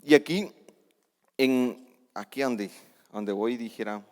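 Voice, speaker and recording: A male preacher delivering a sermon, reading scripture and explaining it, shifting between hushed readings and loud emphatic outbursts, with casual asides and self-corrections. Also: mid-range voice, takes it slowly. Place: church sanctuary. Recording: long reverb of a church hall.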